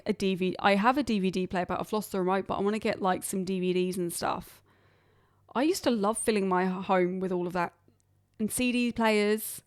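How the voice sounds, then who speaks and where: Indoors in a hot, humid region, a young English podcast host rambles chattily and self-deprecatingly by herself. Her pitch is medium, and the recording is dry and studio quality.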